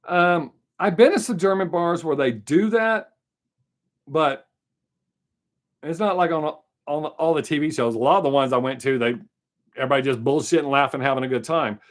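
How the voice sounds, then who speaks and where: A man's voice: on the high side, normal speed. Chatty, profane Southern-drawling man. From American South. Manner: rambling, chatty, frank and profane. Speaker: livestream host answering chat. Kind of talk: casual live stream chat.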